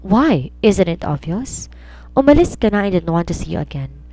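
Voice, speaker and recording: Woman playing a cold drunk young man, cutting and loud, storybook romance. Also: lowish voice, lively intonation, moderate pace, close to an everyday voice. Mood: angry.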